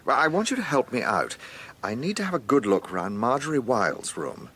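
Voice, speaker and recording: An actor playing a shrewd, courteous British gentleman police inspector in a radio drama, measured and dryly authoritative. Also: mid-range voice, very animated, slight background noise. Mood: wry.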